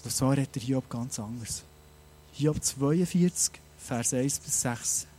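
A man preaching a sermon, animated and speaking straight to his listeners with many rhetorical questions. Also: mid-range voice, a little slow, a little hiss or hum.

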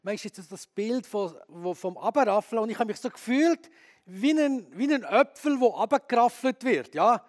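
A man preaching a sermon as a pastor, lively and candid, who often asks his audience questions. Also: very high-pitched, moderate pace.

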